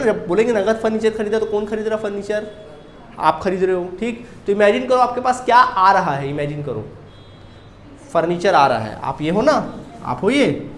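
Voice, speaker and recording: A man's voice: high-pitched, roomy sound, a little hiss or hum. A man teaching a commerce class, drilling students with repeated questions and answers. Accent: Chhattisgarhi Hindi. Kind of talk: classroom lecture.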